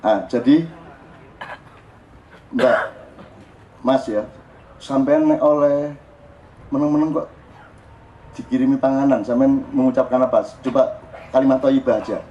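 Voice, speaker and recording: A man's voice: medium pitch, measured pace, long pauses, muffled recording, a little hiss or hum. A man with a Javanese accent giving an informal, joking religious talk to a crowd at a live forum. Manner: joking, animated, mixing in local dialect. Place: live open forum event.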